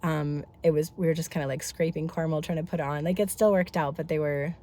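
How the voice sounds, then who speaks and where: A woman's voice: deep voice, fairly even intonation, quick pace, dark tone. A woman in her thirties chatting casually in a family vlog, congested from a head cold, talkative and rambling with lots of asides. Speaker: family vlogger.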